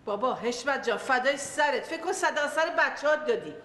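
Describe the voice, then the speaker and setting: An actress playing a down-to-earth wife in a TV comedy, soothing and matter-of-fact. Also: female voice, high voice, expressive, fairly bright tone. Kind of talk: TV sitcom acting.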